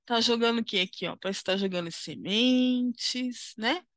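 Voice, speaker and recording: Walking a primary school class through a worksheet, a Brazilian Portuguese-accented woman speaks at normal speed in a somewhat bright, higher voice. She is patient and encouraging, frequently checking in with the listener, with no room sound on the recording.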